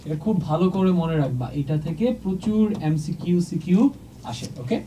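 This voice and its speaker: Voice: medium pitch, lively intonation, fairly quick, mellow, far from the mic, a little hiss or hum, rough recording. Teacher checking in with okay at every step. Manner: mixes English words into speech. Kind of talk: exam-prep lecture at a board.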